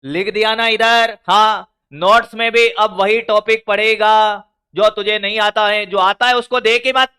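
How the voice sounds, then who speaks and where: A man's voice: high-pitched, steady tone, measured pace, few pauses, pushed and bright, clear, resonant tone. A physics teacher giving scolding, motivational study advice, full of rhetorical questions to his students.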